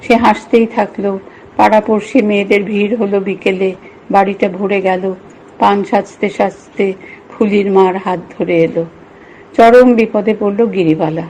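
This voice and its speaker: A woman reading a novel aloud in a steady, measured storytelling voice. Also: medium pitch, slight background noise, rough recording. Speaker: reader.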